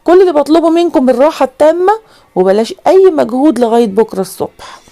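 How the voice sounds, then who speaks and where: Lady doing a calm young egyptian doctor, polite, soft dark tone, talks fast. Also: high-pitched, pitched above the performer's own voice. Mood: reassuring. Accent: Egyptian Arabic. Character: calm young male doctor reassuring a patient.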